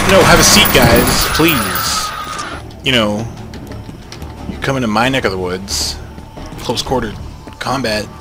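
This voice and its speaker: A young man commenting casually on a game he is playing, joking and swearing in excited outbursts. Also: mid-range voice. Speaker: gaming channel host.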